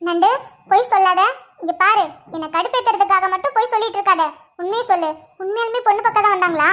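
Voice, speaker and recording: A woman's voice: very high voice, quick pace, fairly bright tone. A woman voicing an anxious young heroine. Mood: demanding. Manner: pleading, distressed. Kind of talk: animated cartoon voice acting.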